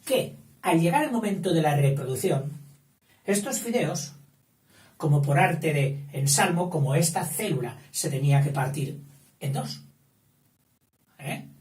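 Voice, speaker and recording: A man's voice: on the high side, animated, measured pace, long pauses, darkish tone. A man teaching a school lesson, drifting into digressions, correcting himself, and often checking in with a questioning "eh?". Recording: roomy, distant mic, faint background noise.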